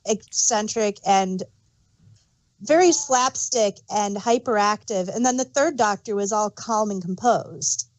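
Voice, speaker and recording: Her voice is medium in pitch and measured in pace, captured on a rough recording. As a podcast co-host in a laid-back fan discussion, she gives emphatic examples, rambling and hunting for the right words.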